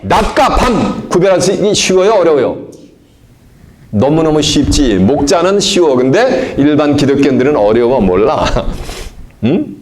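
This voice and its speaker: A man preaching a sermon. He keeps asking his listeners questions and answers them himself, and he moves between loud emphatic lines and low asides. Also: big pitch swings, unhurried. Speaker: pastor.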